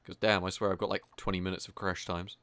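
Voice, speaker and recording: A man's voice: low voice, little pitch movement, fast, gravelly, fairly bright tone. A man giving rambling, casual live commentary while playing a video game, often poking fun at himself. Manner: casual, rambling, self-deprecating.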